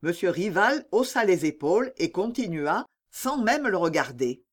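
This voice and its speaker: Audiobook narrator, classic novel, measured and steady. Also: medium pitch.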